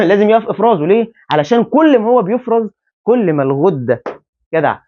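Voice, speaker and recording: A man with an Egyptian Arabic accent teaches biology in a rapid, high voice. He keeps firing rhetorical questions at his students and answering them himself. The recording sounds dull and lo-fi. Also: very animated, slight background noise. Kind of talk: biology lesson at a whiteboard.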